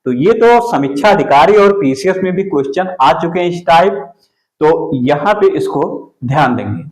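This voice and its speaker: A man teaching an exam-prep spelling lesson, going slowly and repeating each word. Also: on the high side, expressive, darkish tone, echoey room, rough recording. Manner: slow, deliberate, repeats words for the student.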